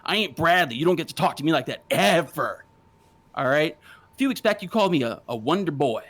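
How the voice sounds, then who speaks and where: A man's voice: a little high, animated, a little fast, fairly bright tone. A man cutting a confrontational wrestling promo, taunting and swearing. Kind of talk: in-ring promo argument.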